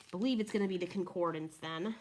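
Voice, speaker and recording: A woman's voice: lowish voice, fast, slight background noise. A woman in a casual, chatty product review, walking through pages as she talks. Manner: friendly, chatty, walks through pages while talking. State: slightly out of breath. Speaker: Bible reviewer.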